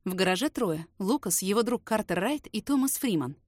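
A woman's voice: mid-range voice, lively intonation, moderate pace, no echo, clean studio sound. Woman reading a story aloud. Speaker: audiobook reader. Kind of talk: first-person scripted narration.

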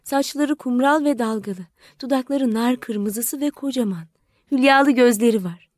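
A woman voicing a gentle, selfless male prince statue in an audiobook, speaking softly and imploringly. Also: on the high side, a little slow, no room sound. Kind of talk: audiobook character voice.

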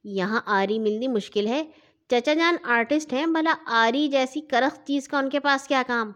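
A woman's voice: sits high, a bit bright. A woman voicing a clever, slightly bossy boy in a children's storybook, with a know-it-all manner. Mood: musing.

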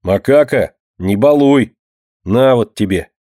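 A man voicing a stern but caring teenage boy who talks gruffly. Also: medium pitch, expressive, slow, warm tone, no room sound, studio quality. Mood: bossy.

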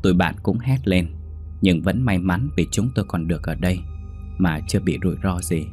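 Deep-voiced man narrating a ghost story. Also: fairly quick, a little mellow, slightly rough, soft background music.

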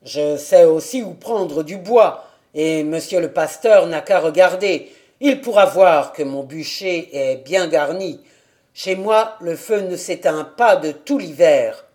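A reader doing a gruff, stubborn old grandfather. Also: medium pitch, slow pace, lightly acted. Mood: agitated. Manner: gruff, defiant, loud. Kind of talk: audiobook character reading.

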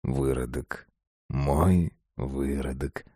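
A man voicing a sleazy, unhinged young man with a hoarse voice. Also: fairly low pitch, sing-song, normal speed, darkish tone, dry recording, studio quality. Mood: menacing whisper.

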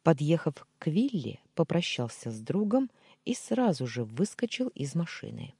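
An audiobook narrator reading a novel in the first person with measured storytelling. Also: mid-range voice, very animated, gravelly, a little mellow, slightly rough, no room sound, clean studio sound.

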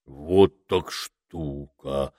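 A man voicing a huge, kindly creature who is hard of hearing and talks slowly in a pompous, fussy way. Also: a bass voice, lively intonation, dry recording, studio quality, full character voice. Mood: amazed.

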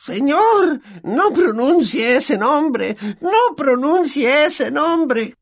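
A man's voice: very high-pitched, lively intonation, a little slow, pitched above the performer's own voice, full character voice. A man with a Latin American Spanish accent voicing a timid, grovelling male house-elf servant in an audiobook, speaking of himself in the third person. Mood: pleading. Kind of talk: audiobook character voice.

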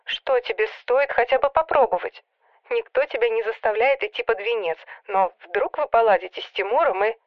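A woman's voice: on the high side, normal speed, dry recording, dull audio, natural voice. Woman voicing a whiny, pleading sister. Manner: soft, coaxing and whiny. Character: anxious, pleading young woman, the heroine's sister. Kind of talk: audiobook character voice.

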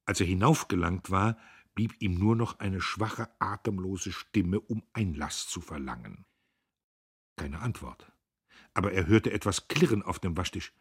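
A man reading a novel aloud as narrator, in a measured, dramatic way. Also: deep voice, slightly rough. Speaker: audiobook narrator.

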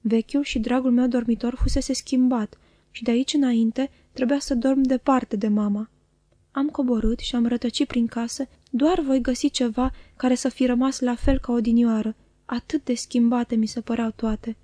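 A woman reading a novel aloud in calm, even storytelling narration. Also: on the high side, no room sound, studio quality. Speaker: audiobook reader.

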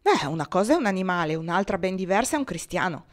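A woman's voice: lowish voice, very animated, fast talker. A woman voicing a huge, timid former cattle thief, pleading and reluctant.

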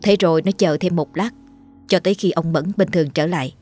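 A woman narrating a horror story in a steady, dramatic way. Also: on the low side, brisk. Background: faint music.

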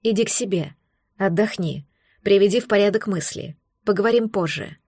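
A woman voicing a calm, wise male starship captain who speaks softly and measuredly. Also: mid-range voice, moderate pace, breathy edge, dry recording, studio quality. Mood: gentle.

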